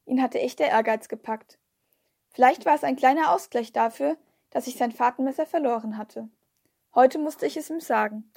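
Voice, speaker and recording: High-voiced woman reading a story. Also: normal speed, creaky, a little mellow, breathy edge. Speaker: audiobook reader. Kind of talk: scripted narration.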